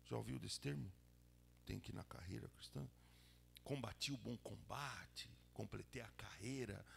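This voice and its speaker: A man with a Brazilian Portuguese accent preaching a sermon at a church service, acting out quoted lines and swinging between whispers and loud exclamations. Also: fairly low pitch, moderate pace, gravelly, a little hiss or hum. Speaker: pastor.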